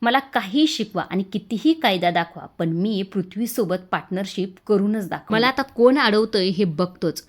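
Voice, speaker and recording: A woman's voice: mid-range voice, animated, normal speed, few pauses, natural voice. Woman reading a boastful scheming villain. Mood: defiant. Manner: boastful and defiant. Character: scheming arrogant man, boastful rival.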